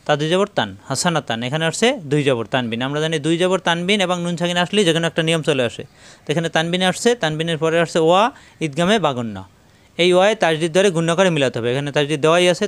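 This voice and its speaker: A man teaching Quran recitation, spelling out each letter and vowel step by step, then chanting the verses slowly. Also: a little high, fairly bright tone, clean tone, no room sound. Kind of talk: tajweed lesson with chanted recitation.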